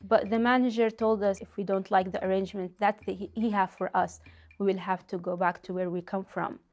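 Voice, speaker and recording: A woman, giving a halting, reflective personal testimony. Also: medium pitch, steady tone, darkish tone. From Sudan. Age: 30s. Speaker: interviewee telling her story.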